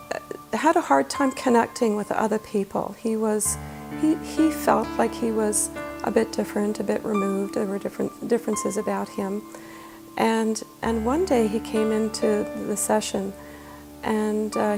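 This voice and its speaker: Brief: woman clinical manager, gravelly earnest interview delivery, clear music underneath. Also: on the high side. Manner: earnest, measured, repeats words as she thinks. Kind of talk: documentary interview.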